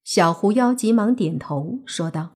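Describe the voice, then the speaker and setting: Husky woman narrating a novel. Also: mid-range voice, lively intonation, measured pace, darkish tone. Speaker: audiobook narrator.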